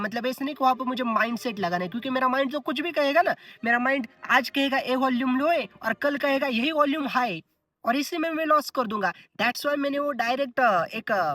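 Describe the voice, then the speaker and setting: A man's voice: very high voice, sharp tone. A man vlogging about his trading in a casual, chatty way, mixing in English words and asking himself rhetorical questions. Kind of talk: casual vlog talk to camera. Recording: voice a bit distant from the mic, faint music.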